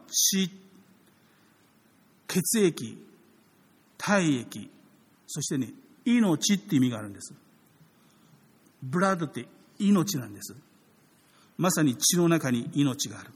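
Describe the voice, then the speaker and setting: Pastor, male, slightly husky, friendly sermon delivery with many asides to the congregation. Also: on the high side, big-room sound. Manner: conversational, addresses the audience with frequent tag questions.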